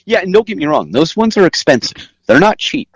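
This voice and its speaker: A man's voice: high-pitched, big pitch swings, a little fast, slightly rough, dry recording. A man giving emphatic, conversational explanations as an interview guest, recorded inside an RV. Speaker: guest author.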